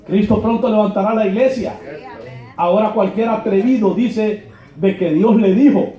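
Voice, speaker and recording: A pastor from Honduras preaching a sermon in a church, colloquial and mocking, acting out quoted dialogue. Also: male voice, high-pitched, moderate pace, mellow, soft background music. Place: church hall. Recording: echoey church, dull lo-fi sound.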